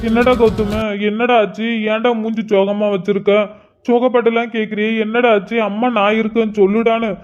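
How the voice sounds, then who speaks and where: A man voicing a heartbroken young man who blames his cousin and swears revenge, in a cartoon. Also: extremely high pitch. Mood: moping. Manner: brooding, bitter lament. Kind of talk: Tamil cartoon voice acting. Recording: dull lo-fi audio.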